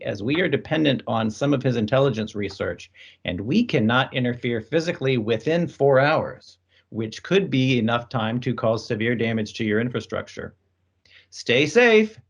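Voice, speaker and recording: A man leading an online team meeting, reading aloud with amused asides and easy chuckles. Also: medium pitch. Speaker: team lead presenting to colleagues. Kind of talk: casual work meeting chat. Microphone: video call.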